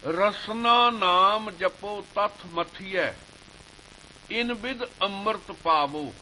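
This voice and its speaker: A man giving a slow devotional sermon, reciting scripture verses in a measured chanting cadence. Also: high voice, bright, forceful tone, slight background noise, low-quality recording. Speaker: Sikh preacher.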